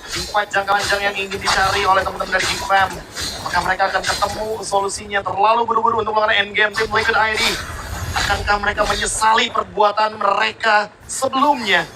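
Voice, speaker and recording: Fast, high-voiced male esports commentator. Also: flat delivery, very noisy. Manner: dramatic, poses rhetorical questions. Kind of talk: live game tournament commentary.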